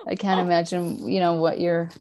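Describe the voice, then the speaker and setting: A woman's voice: fairly low pitch, level tone, normal speed, a loud crowd. A woman hosting a casual podcast interview. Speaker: podcast host.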